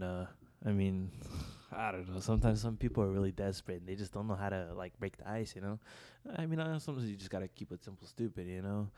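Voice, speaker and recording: A man's voice: low-pitched, darkish tone, no room sound. A man chatting casually as a podcast co-host, rambling in slangy, profane talk peppered with "you know". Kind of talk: casual chat.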